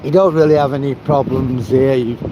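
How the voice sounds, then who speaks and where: A man's voice: mid-range voice, steady tone, fairly quick, highs cut off. A retired older man from Manchester with a Northern English accent, chatting casually and rambling as he repeats himself. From Manchester, England. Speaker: retired local resident. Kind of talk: casual chat. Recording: loud wind and outdoor noise.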